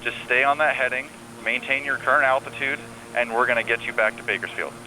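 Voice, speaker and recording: A man working as an air traffic controller on the radio, calmly giving reassuring step-by-step instructions. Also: medium pitch, brisk. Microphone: radio transmission. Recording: air traffic radio with faint hum and noise.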